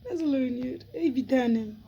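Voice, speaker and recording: A woman's voice: high voice, slightly rough, highs cut off. A woman chatting casually in a home vlog, talking to viewers and calling and cooing to a cat. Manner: chatty, exclaiming, coos and calls to a cat. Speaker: home vlogger. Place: at home by an open door.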